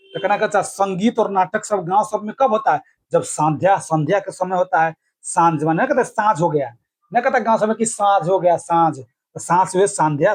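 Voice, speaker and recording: A man teaching exam facts through repetitive, playful memory tricks and calling viewers friends. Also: high-pitched. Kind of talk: casual spoken lesson.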